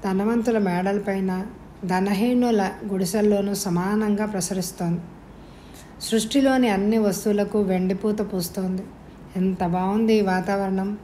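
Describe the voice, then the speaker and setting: A woman narrating a story in a measured, expressive reading style. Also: mid-range voice, a little hiss or hum.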